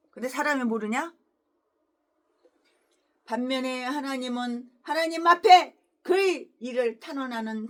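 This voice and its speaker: A woman pastor delivers a fiery sermon with a high, bright voice. Her pitch swings widely as she scolds, hurls crude insults and moves between quiet asides and sudden shouts. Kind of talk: expository sermon.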